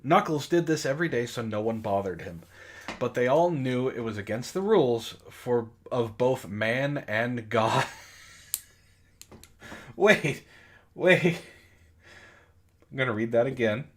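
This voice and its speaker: A man hosts a comedy book club, casually reading bad fan fiction aloud and breaking off to react with amused exasperation and swearing. His medium-pitched voice is expressive and unhurried, with long pauses.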